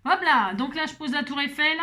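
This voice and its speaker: A woman talks viewers through a paper craft project at her home table, rambling along with plenty of fillers. Her voice sits a little high and has a slight hoarseness today. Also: expressive, a little fast, sharp tone. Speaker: crafting tutorial host. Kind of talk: chatty crafting tutorial.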